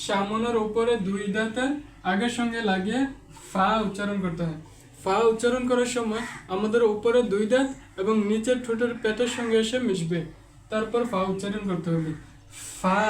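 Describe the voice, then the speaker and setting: A man's voice: sits high, reverberant, distant mic. A man teaching Quran pronunciation step by step, patiently saying each letter sound again and again as a drill.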